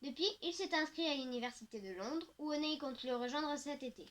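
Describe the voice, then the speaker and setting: Woman audiobook narrator; high-pitched, reflective first-person teen novel reading. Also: a little fast, fairly bright tone.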